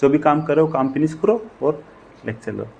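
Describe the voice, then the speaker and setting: A man's voice: on the high side, normal speed, darkish tone, highs cut off, a little hiss or hum. A man teaching biology in a recorded lecture, explaining step by step and repeating key phrases with rhetorical questions. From India. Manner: explains in Hindi mixed with English terms, repeats phrases; rhetorical questions, frequent "है ना" check-ins. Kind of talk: classroom lecture to camera.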